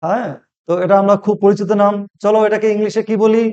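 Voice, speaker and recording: A man's voice: sits high, fairly even intonation, fast, darkish tone, clean tone, dull audio. A male spoken English teacher who speaks Bengali as his first language, giving a pronunciation lesson and repeating each word while quizzing the listener. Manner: repeats words and quizzes the viewer.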